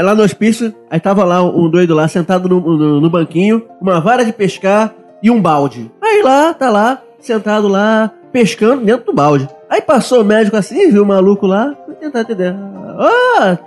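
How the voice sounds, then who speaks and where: A man with a Brazilian accent telling a joke in casual chat, halting and slangy. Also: sits high, animated, darkish tone, soft background music.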